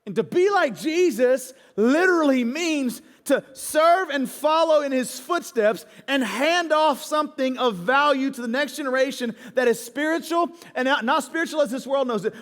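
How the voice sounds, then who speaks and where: Music runs beneath a long, reverberant hall sound as this forties-aged pastor delivers his sermon with candor and emphasis, driving home repeated phrases. He speaks at a moderate pace with hardly a pause, his very high voice expressive and fairly bright.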